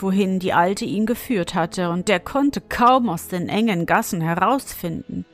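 Slow, measured woman reading a fairy tale. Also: medium pitch. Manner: calm, measured. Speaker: storyteller. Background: soft music.

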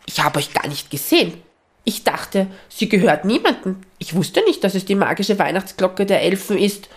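A woman's voice: medium pitch, expressive, normal speed, close to an everyday voice. Woman doing a nonstop chattering magpie. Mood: remorseful. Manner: rambling, apologetic, breathless chatter.

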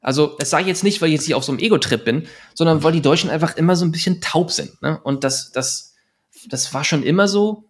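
Gravelly German man, rambling fast. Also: on the high side. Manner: fast, rambling with many fillers and restarts. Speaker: guest. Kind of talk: casual podcast interview.

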